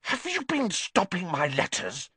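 A man voicing an earnest, curious teenage boy wizard who asks hushed, urgent questions. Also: high-pitched, huge pitch swings, a little slow, breathy edge, no room sound, pitched above the performer's own voice, exaggerated voice.

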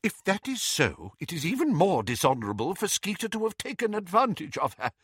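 Frail anxious old wizard, raised pitch, flustered, as a male reader puts him on. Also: wildly swooping pitch, fairly quick, fairly bright tone, breathy edge, no echo, studio quality, exaggerated voice. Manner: feeble, flustered. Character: timid elderly wizard, feeble and anxious.

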